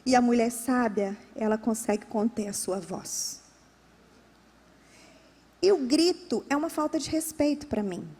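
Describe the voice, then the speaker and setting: A woman's voice: fairly high pitch, measured pace, pauses often, warm tone, breathy edge, big-room sound. A woman pastor with a Brazilian Portuguese accent, preaching a sermon with emphatic, repetitive phrasing. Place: church.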